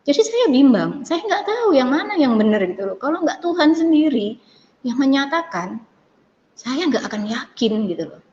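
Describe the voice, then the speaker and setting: A woman's voice: high voice, moderate pace. Woman retelling her testimony, lots of restarts, muffled lo-fi recording with a long echo. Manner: earnest, animated retelling with frequent restarts. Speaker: guest giving a testimony. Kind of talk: personal conversion testimony. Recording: dull lo-fi sound with long reverb and faint noise.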